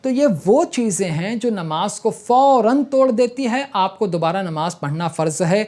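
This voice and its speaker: A man's voice: sits high, animated, a little mellow. A man giving an instructional religious lesson, explaining rules point by point, often checking in with the listener and urging them to listen closely. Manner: emphatic reminders to listen carefully. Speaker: religious teacher.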